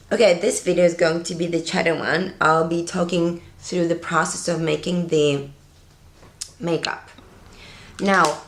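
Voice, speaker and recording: Sitting on her living-room sofa indoors, this thirtysomething woman from Latvia rambles casually through a makeup tutorial for her beauty vlog, using lots of fillers. Her voice is on the low side, and the audio is reverberant.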